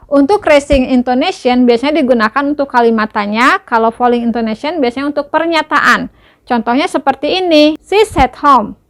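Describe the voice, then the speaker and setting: A woman's voice: high-pitched, a bit bright. A young woman teacher explaining an English lesson patiently, often checking that listeners follow. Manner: patient, checks understanding with tag questions.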